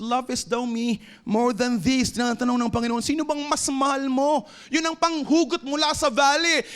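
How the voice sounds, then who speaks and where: A man with a Filipino accent preaching a sermon in a church, swinging between shouted exhortation and low, quiet storytelling. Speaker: pastor. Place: church sanctuary.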